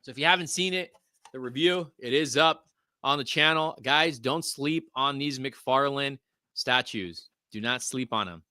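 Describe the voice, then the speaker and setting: A man in his forties, speaking a little slowly in a bright, forceful, mid-range voice, hosts a casual collectibles podcast streamed live. He reads viewer comments aloud and jokes with ease. The mic is close, the sound dry, and there's no room sound.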